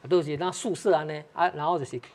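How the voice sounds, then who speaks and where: A studio guest with a Taiwanese accent telling a ghost story on a talk show, talking quickly with many restarts and Hokkien phrases mixed in. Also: mid-range voice, fairly even intonation, darkish tone. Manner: fast, hesitant, mixes in Hokkien phrases.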